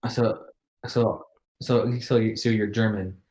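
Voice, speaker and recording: A man's voice: on the low side, steady tone, takes it slowly, warm tone, poor audio. An American man hosting a podcast in casual chat, laid-back and joking, chuckling as he talks. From United States. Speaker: podcast host.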